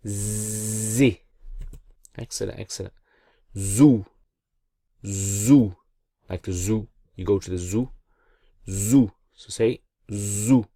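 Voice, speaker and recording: A man teaching pronunciation in a call-and-repeat lesson, encouraging and deliberate as he repeats sounds for learners. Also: on the low side, darkish tone, husky, dry recording, studio quality. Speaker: Quran reading teacher.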